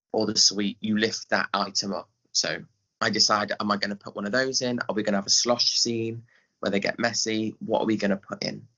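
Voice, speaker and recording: Here a pantomime director and scriptwriter from England talks informally as a guest, describing what he does as a theatre director in an English accent. His pitch is fairly low and his tone sharp, captured on lo-fi audio.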